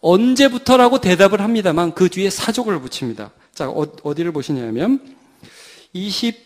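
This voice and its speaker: Male preacher, high-pitched, emphatic Sunday sermon delivered to a church congregation, full of rhetorical questions. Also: lively intonation, moderate pace. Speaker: pastor. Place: church sanctuary.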